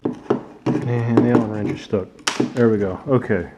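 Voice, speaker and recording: A man's voice: mid-range voice, steady tone, a little slow. A man giving casual hands-on commentary in a workshop, thinking aloud informally as he works. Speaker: DIY car builder presenting his project. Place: workshop at a workbench and beside a truck. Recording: dull lo-fi audio with clear noise.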